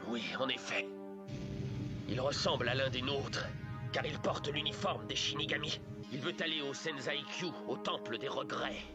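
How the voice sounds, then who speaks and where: A man's voice: medium pitch, normal speed, over loud music, close to an everyday voice. An actor dubbing a cold, cruel male scientist captain in an anime. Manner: cold and sneering.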